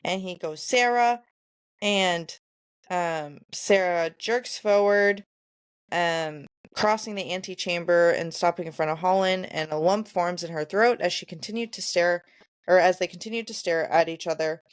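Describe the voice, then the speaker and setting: A woman's voice: fairly low pitch, moderate pace, clear, resonant tone, no echo, studio quality. A woman co-hosting a podcast, casually retelling book chapters and quoting characters in a chatty way. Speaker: podcast co-host.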